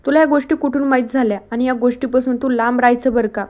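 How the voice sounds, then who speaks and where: A woman's voice: a little high, steady tone, fast, close to an everyday voice. Woman reading a stern scolding mother. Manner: sharp and scolding.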